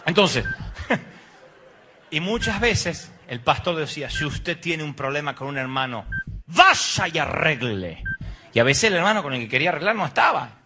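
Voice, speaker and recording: A man's voice: a little high, lively intonation, normal speed, background noise. A middle-aged Argentine man preaching a humorous sermon, telling stories with acted voices and sound effects. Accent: Argentine Spanish. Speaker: pastor.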